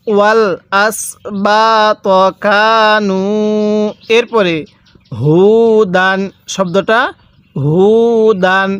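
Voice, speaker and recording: A man teaching Quran reading step by step, drawing out each word slowly and asking the learner to repeat after him. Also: high voice, no echo. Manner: slow, drawn-out recitation of each word, then repeats it for the learner. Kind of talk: step-by-step recitation lesson.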